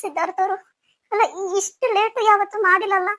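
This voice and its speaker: A woman's voice: very high-pitched, fairly even intonation, fast, fairly bright tone, dry recording, clean studio sound. A woman voicing an anxious pregnant young wife in a cartoon story, talking in a tearful, pleading way. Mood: worried, tearful.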